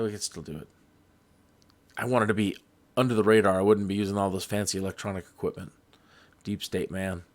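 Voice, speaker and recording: Male tutorial host, slightly low pitch, slow delivery, conversational and jokey, loose rambling explanations. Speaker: flight simulator tutorial host. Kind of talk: casual rambling tutorial talk.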